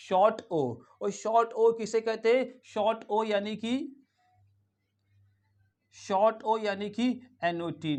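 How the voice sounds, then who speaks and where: In a classroom-style pronunciation lesson, a man with an Indian accent and a voice that sits high teaches English. He asks rhetorical questions, repeats the answers, and drills each word by saying it again and again.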